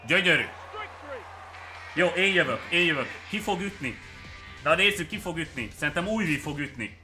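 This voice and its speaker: Hungarian male streamer, slightly high, very bright voice, loud excited game commentary that drops to mutters, music under. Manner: shouts and cheers at plays, then mutters quietly. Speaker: streamer playing with viewers.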